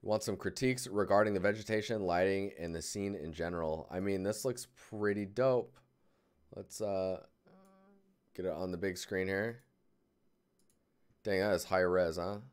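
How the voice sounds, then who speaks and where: A man's voice: low-pitched, moderate pace, long pauses, clean tone. A man giving casual, rambling live critiques of digital art, thinking aloud as he clicks through images. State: yawning, tired.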